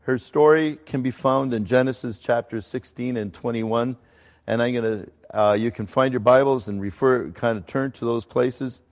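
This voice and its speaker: A middle-aged male pastor who grew up in Ecuador, preaching a sermon in a conversational, halting way with fillers and restarts. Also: mid-range voice. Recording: long hall reverb.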